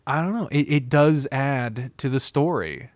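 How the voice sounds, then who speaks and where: Speaking at a measured pace in a medium pitch, this host of a casual visual novel review video sounds studio quality, with no room sound. He's unscripted, blunt and expressive, swearing often and going off on rambling asides.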